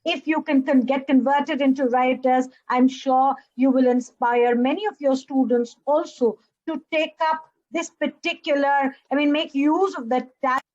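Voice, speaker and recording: A woman speaking on someone's behalf in a hurried, loose way. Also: sits high, steady tone, darkish tone. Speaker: guest speaking for a co-host. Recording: muffled, distant call audio.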